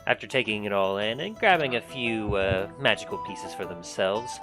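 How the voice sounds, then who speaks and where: Lowish-voiced male game master over music. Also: animated, moderate pace, a bit bright. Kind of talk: recap narration of a tabletop fantasy game. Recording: prominent guitar music behind voice. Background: guitar music.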